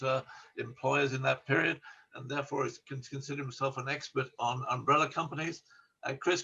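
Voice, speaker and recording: A man hosts an online talk in a gravelly voice with a forceful, bright edge. He handles introductions informally, and the sound is slightly lo-fi. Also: medium pitch. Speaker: host. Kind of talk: informal webinar hosting. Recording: dull, lo-fi online call.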